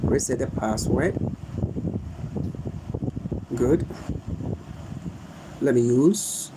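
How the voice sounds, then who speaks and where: Livestreaming a phone tutorial from indoors on his phone's front camera, a young man from Ghana speaks Ghanaian-accented English in a mid-range voice. He goes slowly, says things more than once and begs his viewers not to leave, with background noise audible.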